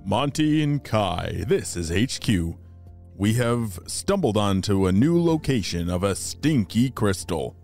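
A man voicing a stern male spy headquarters chief who gives orders, heard as a distant voice over a buzzing message device and speaking slowly and formally. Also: fairly low pitch, big pitch swings, gravelly, darkish tone, faint music behind, voice pushed down, exaggerated voice. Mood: commanding. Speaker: podcast storyteller.

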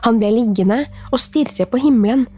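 Breathy woman narrating a horror tale. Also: a little high, warm tone, faint music behind.

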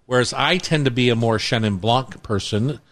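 A man's voice: mid-range voice, moderate pace, a bit bright. A man hosting a casual radio cooking show, teasing and easygoing with his guest chef. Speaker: radio host.

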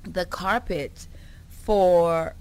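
Woman, Caribbean-born publicist guest, lower voice, animated and laughing. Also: drawn-out words, smooth. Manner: animated, laughing, repeats herself. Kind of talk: conversational interview.

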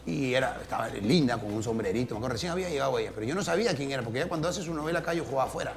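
A middle-aged man with a Peruvian accent from Callao, an interview guest telling stories in a relaxed, laughing way and acting out the dialogue. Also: mid-range voice, racing, over music. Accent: Peruvian Spanish, Callao. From Peru. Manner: laughing, animated storyteller, plays out quoted dialogue. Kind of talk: casual storytelling interview.

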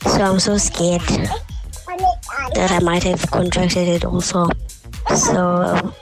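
A woman's voice: lowish voice, very slow. A woman confiding in a radio phone-in, her voice disguised with a helium-like chipmunk effect. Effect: voice altered to a chipmunk, helium-like sound. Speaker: anonymous radio caller. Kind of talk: personal phone-in confession. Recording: radio phone-in over music bed.

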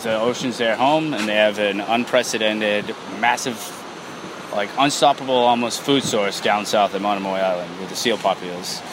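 A shaken, halting man speaking as an eyewitness, giving a spontaneous account in a field interview. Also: lowish voice, fairly even intonation. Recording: noisy outdoor field recording.

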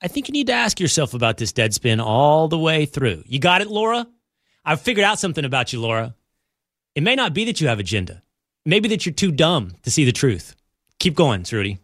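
A male talk show host on sports radio who rants with mock outrage and heavy sarcasm. His voice sits a little high and swings all over the place. The sound is dry and close. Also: fairly quick, no room sound. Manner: mocking, animated, with mock-outraged outbursts.

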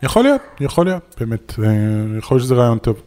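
A man's voice: mid-range voice, wildly swooping pitch, darkish tone. A man with an Israeli accent co-hosting a casual discussion and explaining his opinions in a skeptical way. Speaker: podcast co-host.

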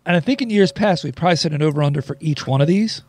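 A man's voice: a little high, expressive, very fast, a little mellow, a little hiss or hum. A man hosting a podcast, talking in a loose, chatty way with plenty of ums. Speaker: podcast host. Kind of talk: casual podcast chat.

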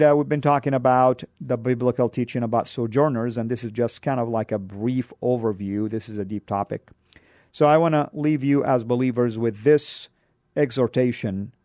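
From Saudi Arabia, this radio host gives a sermon-like exhortation with emphasis, lifting his pitch on important words. His tone is darkish, and the recording has no room sound.

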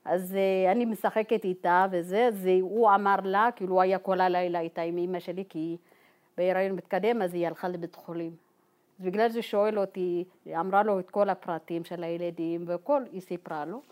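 Woman from Ethiopia, personal testimony, halting and informal, slightly low-pitched. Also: fairly even intonation, a little mellow. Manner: halting and informal, many fillers, acts out remembered dialogue. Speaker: guest telling her life story. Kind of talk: personal testimony told to a group.

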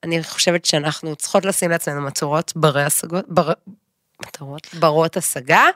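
A woman's voice: low-pitched, steady tone, dry recording. Woman co-host, 30s, theatrical self-mocking chat, dry close sound. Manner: bursts into loud sung snippets; dramatic, self-mocking complaints. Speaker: podcast co-host. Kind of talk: casual chat.

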